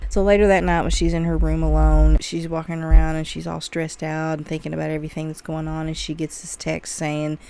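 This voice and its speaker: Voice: mid-range voice, level tone, brisk, vocal fry, hardly any pauses, dark tone, clear, resonant tone. A movie reviewer giving a casual, chatty spoiler recap of a film, full of "like" and "you know".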